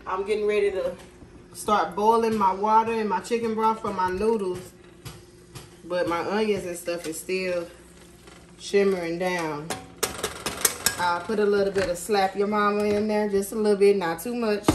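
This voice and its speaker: Filmed by phone camera above the stove, a home cook vlogger with a medium-pitched voice speaks at normal speed, casually walking viewers through her cooking. She's easygoing and chatty, addressing everyone as y'all, amid the echo of her kitchen, sizzling pans, and clattering pots.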